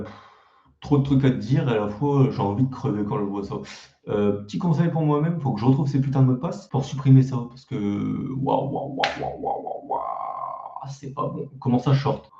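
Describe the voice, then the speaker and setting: Man, reaction commentary, mocking and crude, warm dark tone, roomy slightly dull recording. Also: lowish voice. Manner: mocking, crude slang, self-deprecating. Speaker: YouTuber reacting to his old videos.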